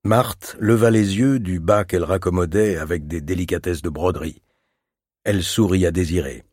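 A man reads literary fiction aloud in a calm, measured audiobook narration. His voice sits fairly low, and the recording is dry and close, with no room echo. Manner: calm, measured, even reading.

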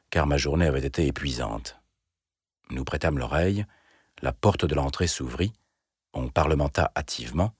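A man with an extremely low, husky voice reads a first-person story in a measured, deliberate way. The recording is close and dry, with no room sound. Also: no room sound. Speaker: audiobook narrator. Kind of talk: scripted first-person narration.

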